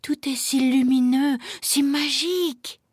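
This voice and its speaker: A woman voicing Velours, a small, timid male forest animal in a storybook, with a high and eager voice. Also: normal speed, natural voice. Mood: excited.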